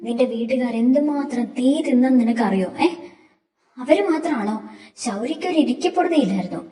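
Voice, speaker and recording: A woman's voice: on the high side, fairly quick, mellow, lightly acted. A woman playing a worried, devout mother. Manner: emotional, worried. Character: anxious, devout middle-aged mother. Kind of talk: fan audio drama acting. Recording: distant recording over background music.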